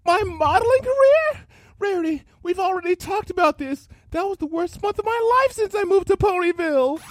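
A woman's voice: extremely high pitch, animated, normal speed, dry recording, pitched above the performer's own voice. A woman voicing a timid young female pegasus pony, stammering and pleading. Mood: frightened, pleading.

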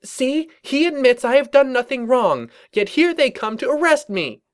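A man's voice: big pitch swings, normal speed, clean tone. A man voicing a frantic, paranoid young female pony who is dramatic and overwrought. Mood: indignant. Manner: shrill and overwrought, warbling when singing.

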